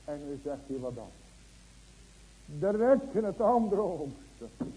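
A man preaching a sermon, asking emphatic rhetorical questions and swinging from loud, urgent lines to hushed ones. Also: fairly high pitch, sing-song, slow, rough recording.

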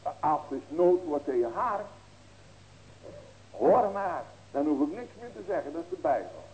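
A male pastor preaching a sermon, asking rhetorical questions and breaking into loud raised cries. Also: fairly high pitch, very animated, a little slow, low-quality recording.

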